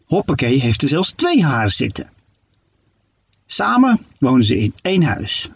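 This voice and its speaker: A man narrating a children's story with playful, expressive delivery. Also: mid-range voice, a little slow, gravelly, husky, no room sound, muffled recording.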